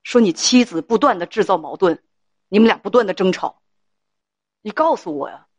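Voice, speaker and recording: A woman's voice: mid-range voice, lively intonation, normal speed, husky, no echo, lo-fi sound. Scolding woman advice host, dry sound. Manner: scolding, emphatic, lecturing with rhetorical questions. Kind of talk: call-in advice talk.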